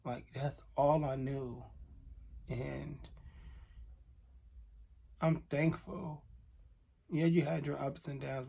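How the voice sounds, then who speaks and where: A man's voice: mid-range voice, gravelly, mellow, breathy edge. A man vlogger telling an emotional storytime to camera, candid and earnest, talking straight to his viewers.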